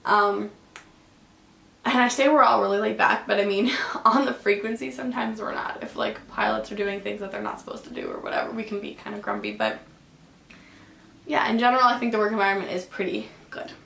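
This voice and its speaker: Speaking a little fast with lively intonation, a young woman from Canada, an air traffic controller, fields viewer questions in a casual vlog, chatty and heavy on fillers and "likes." Her mid-range voice is gravelly and a bit bright. Faint background hum and room echo are audible.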